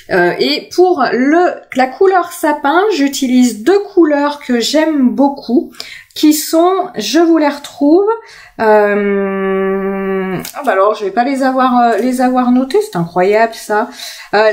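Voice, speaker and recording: This craft tutorial is narrated by a Frenchwoman whose voice is high and a little mellow. She keeps things casual and conversational, frequently stumbling and fixing her words.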